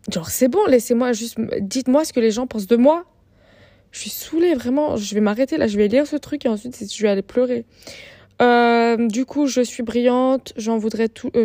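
A woman's voice: a little high, mellow. A young woman hosting her own podcast, chatting casually and mocking herself, fed up with a quiz website that keeps failing. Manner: chatty, self-mocking, exasperated. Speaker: podcast host. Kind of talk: casual chat.

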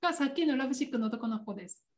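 A woman's voice: high-pitched, lively intonation, racing. A woman with a Kansai Japanese accent chatting casually on a podcast, laughing often as she explains. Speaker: podcast co-host. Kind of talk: casual chat.

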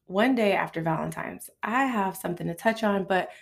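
A woman's voice: mid-range voice, moderate pace, creaky. A woman in her late thirties hosting a casual, confiding solo podcast, recorded in a bathroom. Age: late 30s. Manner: informal, confiding, conversational. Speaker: podcast host.

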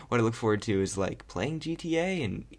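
A man's voice: medium pitch, expressive, brisk. A young man hosting a podcast in casual chat, rambling and hesitant with lots of fillers. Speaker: podcast host.

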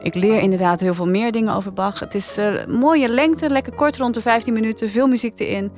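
With music playing underneath, a female podcast host with a Netherlands Dutch accent reviews things in a relaxed, chatty way. Her voice sits on the high side, a little fast and a little mellow.

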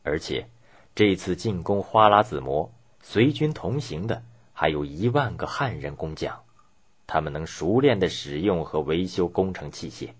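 A man delivers scripted documentary narration in a low register. His voice has a husky grain, and his intonation rises and falls widely as he tells the story in a measured, dramatic way. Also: big pitch swings.

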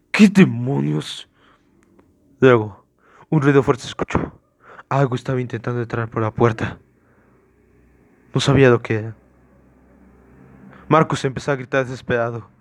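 A man telling his own horror story on his podcast. His narration is measured, with relaxed, halting asides in between. His voice sits at an ordinary pitch in a dry, close recording. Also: no echo.

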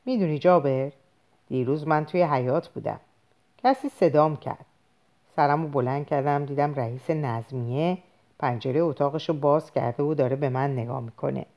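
A woman's voice: low voice, a little mellow. A woman voicing a blunt, conspiratorial middle-aged police officer in an audiobook reading. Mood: confiding. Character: older male police officer, blunt friend.

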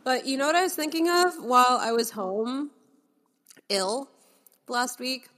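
A woman's voice: sits high, measured pace, bright, forceful tone. A young woman co-hosting a casual podcast, congested and nasal from a cold, chatty and full of "like". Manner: chatty with filler "like". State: congested, sick. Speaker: podcast co-host.

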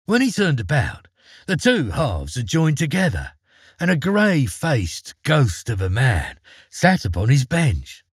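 Husky, very lively male storyteller. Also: medium pitch, measured pace, no echo, clean studio sound. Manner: expressive, dramatic storytelling. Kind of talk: fairy-tale narration.

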